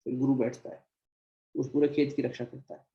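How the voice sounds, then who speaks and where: Gravelly-voiced man giving a spiritual talk. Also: medium pitch, little pitch movement, brisk, warm tone, highs cut off. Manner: storytelling, instructive, repeats phrases for emphasis. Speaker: spiritual teacher. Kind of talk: devotional discourse.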